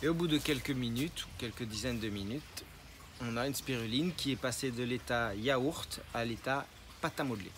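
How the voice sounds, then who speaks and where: A man's voice: mid-range voice, normal speed. A man who farms spirulina, patiently explaining his process step by step in an interview. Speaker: spirulina farmer. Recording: noisy ambient background.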